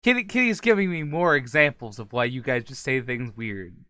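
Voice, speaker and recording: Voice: mid-range voice, fairly quick, sharp tone, dry recording. A speaker in casual podcast chat, teasing and giggly, often hesitant.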